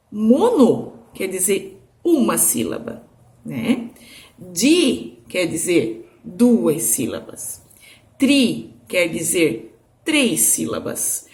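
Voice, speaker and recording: A woman teacher gives a video lesson to young children. She talks slowly and in a sing-song way, stretches key words, and keeps checking in with "certo?" and "né?". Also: on the high side, darkish tone. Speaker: primary school teacher.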